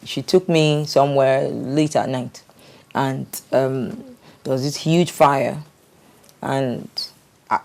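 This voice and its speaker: A woman's voice: extremely low pitch, darkish tone. Middle-aged woman, candid personal story, conversational, hesitant, many restarts. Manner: hesitant, with frequent fillers and restarts. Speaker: guest sharing her life story.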